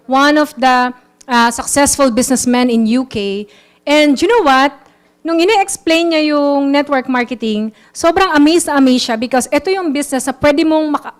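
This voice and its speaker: A Filipino woman giving a lively motivational seminar talk, mixing in English and constantly asking the audience to agree. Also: sits high. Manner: lively, quizzes the audience with frequent tag questions; mixes English phrases into her talk. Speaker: network marketing trainer.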